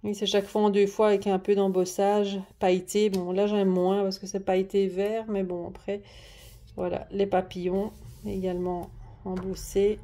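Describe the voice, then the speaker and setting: Chatty French woman with a mellow voice. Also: medium pitch, level tone, normal speed. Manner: chatty, hesitant, many fillers and restarts. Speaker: craft haul vlogger. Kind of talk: casual show-and-tell vlog. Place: at home at a desk. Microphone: camera on the desk, moved closer and back.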